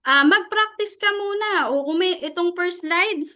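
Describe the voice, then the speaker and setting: A woman's voice: extremely high pitch, unhurried, pushed and bright. A middle-aged Filipino woman leading a presentation-skills seminar, mixing Tagalog and English and checking in with her listeners after nearly every phrase. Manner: Taglish, switching freely between Tagalog and English. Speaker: trainer teaching presentation skills. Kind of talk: seminar lecture to a sales team.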